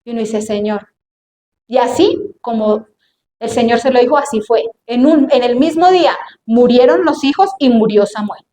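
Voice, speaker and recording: A woman's voice: a little high, normal speed, warm tone. A woman preaching a sermon to a congregation, emphatic and drawn out, with questions thrown to the listeners. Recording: echoey room, faint noise.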